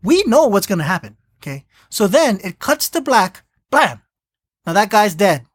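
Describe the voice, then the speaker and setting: A podcast co-host retelling a film with energy, stopping and restarting sentences and dropping into the characters' voices. The recording is dry and close, with no room around it. The pitch sits in the middle. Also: moderate pace, no room sound. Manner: animated storyteller, acts out quotes; rambling with restarts. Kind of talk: casual chat, movie recap.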